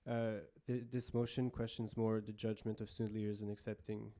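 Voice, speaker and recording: A student senator defending his motion in a council debate, answering in halting phrases. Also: fairly low pitch, little pitch movement, warm tone.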